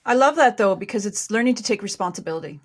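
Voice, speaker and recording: A woman's voice: mid-range voice, lively intonation, fast talker. A woman hosting an interview, speaking in an affirming, reflective way. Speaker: workshop host. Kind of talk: interview conversation.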